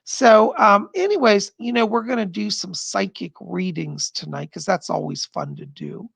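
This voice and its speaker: A middle-aged psychic host talks casually from home during a live stream, reading viewer comments aloud with lots of rambling and laughter. He has a high, creaky, fairly bright voice with a breathy edge and big pitch swings at normal speed, and it's strained and tired as he loses his voice. The recording is dry.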